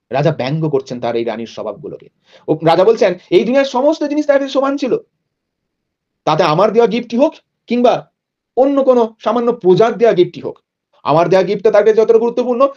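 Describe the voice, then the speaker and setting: A man teaching a literature class, reading poem lines slowly and then explaining them in a lively, chatty way. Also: high voice, lo-fi sound.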